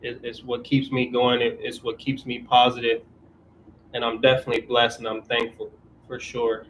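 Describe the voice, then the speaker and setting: A man's voice: medium pitch, monotone, moderate pace, fairly bright tone, a little hiss or hum. A man in his twenties hosting a casual live stream Q&A, talking in a laid-back way, reading viewer questions and giving relationship advice. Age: 20s. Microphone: camera on auto-tracking mount.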